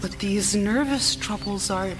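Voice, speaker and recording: In a live period radio theater piece, a woman plays an anxious, meek young wife, using fretful, formal, old-fashioned diction in a confiding, melancholy mood. Her medium-pitched voice, a little slow and close to an everyday voice, sits over music. It's a live theater recording with clear background noise.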